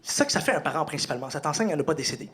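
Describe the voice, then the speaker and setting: A young man with a Quebec French accent doing a stand-up routine in a comedy club, animated and breaking into shouted impressions. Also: very fast. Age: young adult. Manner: animated, bursts into shouted high-pitched impressions. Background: audience laughter.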